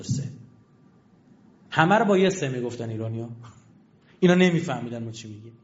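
A man giving an argumentative lecture, firing rhetorical questions at his listeners and slowly reading out dictionary entries and verses. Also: a little high, a little mellow. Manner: emphatic, rhetorical questions to the audience. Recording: dull lo-fi recording.

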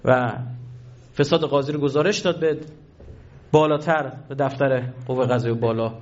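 A man's voice: mid-range voice, lo-fi sound. A man who is a university professor, giving a public talk and telling stories animatedly, addressing his listeners fondly. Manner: animated, storytelling, addresses listeners as dear ones.

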